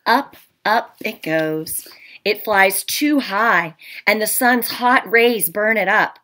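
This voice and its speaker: With a medium-pitched voice and a slow pace, a thirty-something teacher gives an expressive picture-book reading for small children. She is gentle throughout, speaking indoors at home into her laptop webcam.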